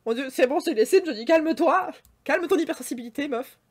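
A woman giving gushing, excitable commentary to her viewers as she plays a life-sim game. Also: high voice, fairly quick. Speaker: gaming YouTuber. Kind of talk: casual Let's Play commentary.

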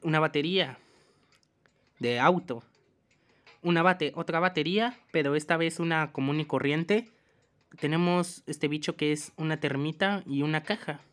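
A woman talks her way through a game in a low-ish, relaxed voice. She reads out items and pokes fun along the way. She cries out whenever something startles her. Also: normal speed. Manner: chatty, exclaims and shrieks at scares. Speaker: gameplay voice-over narrator. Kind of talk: casual game commentary with character voices.

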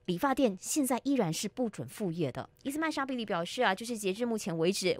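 Lady chatting thru radio news, mid pitch, dry studio sound. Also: no echo. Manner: chatty, explains news with asides. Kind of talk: conversational news discussion.

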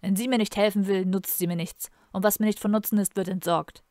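A woman's voice: medium pitch, steady tone, a little fast, no echo, clean studio sound, lightly acted. Thyrson, a woman voicing a cruel emperor. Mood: threatening. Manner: menacing, commanding, bursts into furious shouting. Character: cruel male emperor, cold and imperious.

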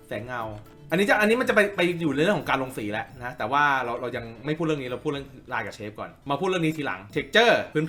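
Frequent tag questions mark this informal drawing tutorial, taught by a man who repeats phrases to emphasize them and checks in with listeners often. His pitch is fairly high and his tone bright and forceful.

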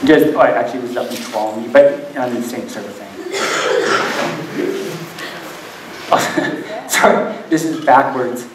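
A man's voice: medium pitch, brisk, noisy background. An older man giving a live slideshow talk, rambling and self-deprecating, often laughing through his stories. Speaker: presenter at a climbing event. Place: event hall with live audience. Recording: echoey hall audio from far off.

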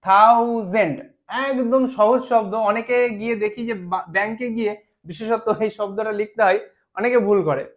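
A man teaching a spelling lesson, explaining patiently step by step, slowing down to spell words out and often checking "right?". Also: high voice, fairly even intonation.

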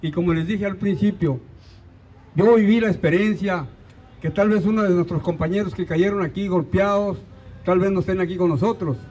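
At a park rally, an older man from Mexico speaks into a handheld mic with a Mexican accent, his high voice a little mellow and the recording's highs cut off. He moves at a moderate pace, earnest and rousing, asking pointed questions.

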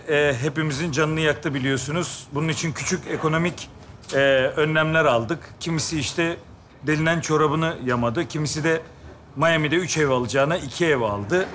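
A man presenting the next comedy sketch on stage in a measured way, with small hesitations. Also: a little high, a bit bright, a little hiss or hum. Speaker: show presenter introducing a sketch. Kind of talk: stage introduction.

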